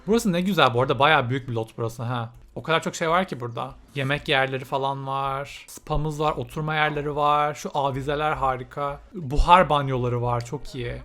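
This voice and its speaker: A man giving excitable let's play commentary, reacting loudly to events and mixing English phrases into his talk. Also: mid-range voice, fairly quick, hardly any pauses, slight background noise. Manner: excitable, squeals and laughs at game events, mixes in English phrases. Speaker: gaming channel host.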